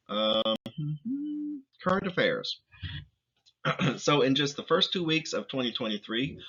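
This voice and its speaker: A man giving a recorded lecture presentation, speaking in a halting way with many restarts and fillers. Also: fairly low pitch, fairly bright tone, slightly rough, dull audio.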